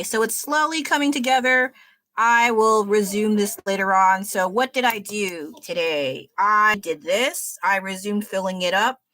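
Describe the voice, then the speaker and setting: Chatty bright-voiced young woman streamer. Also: mid-range voice, no room sound. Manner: chatty, blunt, laughs at own stories. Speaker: art livestreamer. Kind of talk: casual chat while drawing.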